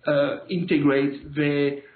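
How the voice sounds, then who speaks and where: A man from France with a French accent, a native French speaker, speaking haltingly and searching for words as an interview guest. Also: a little high, flat delivery. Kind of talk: conversational political interview. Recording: phone-like, thin, echoey line.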